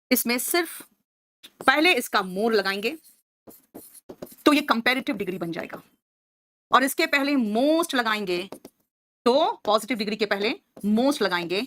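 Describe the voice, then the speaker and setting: A woman's voice: on the high side, fairly bright tone. A woman teaching English grammar in an online class. She explains patiently, calls students by name and "beta", and keeps checking with "right?".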